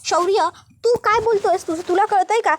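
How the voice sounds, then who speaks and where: A woman's voice: very high voice, moderate pace, slight background noise. A woman voicing a furious, proud middle-aged mother-in-law who scolds insistently. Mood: angry.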